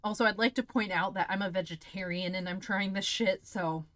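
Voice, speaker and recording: A livestream host taste-tests snacks and chats casually, full of candid exclamations and swearing. Her medium-pitched voice has a steady tone and a fairly bright quality, moving at a brisk pace, and the recording has no room sound.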